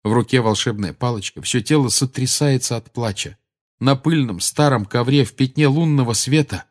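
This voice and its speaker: A man narrating an audiobook expressively, moving between tense and hushed passages. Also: lowish voice, breathy edge.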